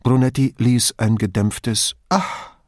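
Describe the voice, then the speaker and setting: A man reading an audiobook in a measured, expressive narration. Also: lowish voice, no echo, studio quality. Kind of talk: scripted narration.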